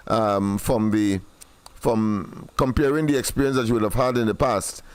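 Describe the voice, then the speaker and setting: Halting man hosting a political talk show. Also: on the low side, no echo. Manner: hesitant, many fillers and restarts, formal wording.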